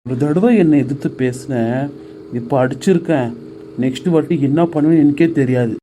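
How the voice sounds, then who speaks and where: A woman voicing a drunken, violent husband who bullies his wife for money, in a rough, threatening way. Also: low voice, a little fast, a little hiss or hum, pitched below the performer's own voice, natural voice. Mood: menacing. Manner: rough, bullying shouts.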